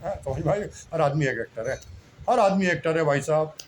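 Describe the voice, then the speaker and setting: A man's voice: on the high side, lively intonation, brisk, slight background noise, low-quality recording. A man talking in a casual, rambling monologue, humbly repeating himself and often addressing the listener as brother. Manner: rambling, repeats himself, keeps saying "bhai sahab"; humble, self-deprecating. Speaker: religious speaker.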